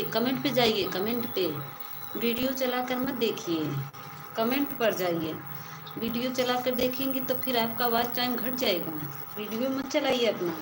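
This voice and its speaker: Woman live-stream host, casual and repetitive with advice, rooftop recording with echo and noise. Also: fairly high pitch. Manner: chatty, repeats advice to viewers. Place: rooftop, outdoors. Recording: echoey with background noise.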